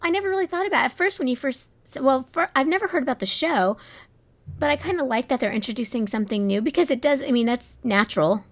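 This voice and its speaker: A young adult woman co-hosting a podcast, playful and quick to tease in casual chat. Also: high voice.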